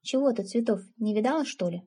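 A woman's voice: fairly high pitch, animated, fast, warm tone, slightly rough. A woman voicing a blunt, stubborn older village aunt who scolds and mocks in folksy speech. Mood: scolding.

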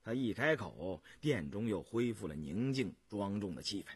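A man narrating a historical novel in a measured, expressive storytelling style. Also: fairly low pitch, slightly rough.

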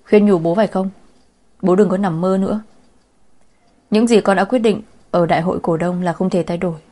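A woman voicing a sharp-tongued young woman who taunts her family, in a storybook reading. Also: lowish voice, close to an everyday voice. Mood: taunting. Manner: taunting, sarcastic.

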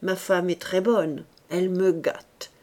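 A woman's voice: lowish voice, little pitch movement, slow pace, darkish tone. A woman voicing a distracted middle-aged man who nervously denies rumors about his wife, vague at first and then stammering. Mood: distracted, defensive.

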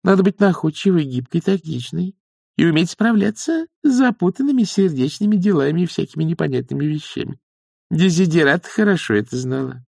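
A man's voice: a little high, expressive, brisk, creaky, no echo, studio quality, pitched above the performer's own voice. A man doing a chatty old village witch. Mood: soothing. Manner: soft, chatty. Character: jolly old woman witch, peacemaker.

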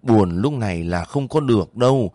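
A man's voice: fairly low pitch, lively intonation, moderate pace, warm tone, no room sound. A man voicing a caring young male soldier who coaxes his sick comrade in a homely way. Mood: coaxing. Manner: coaxing, homely.

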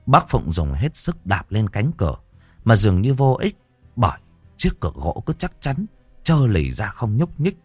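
A man's voice: lowish voice, sing-song, normal speed, darkish tone, husky, no echo, faint music behind. A man narrating a horror audiobook story in a dramatic, swinging manner.

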